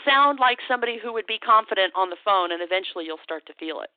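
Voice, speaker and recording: A woman's voice: mid-range voice, expressive, fast talker, no echo. A woman sales trainer, a guest on a phone interview, talking confidently and acting out sales lines. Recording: tinny phone line.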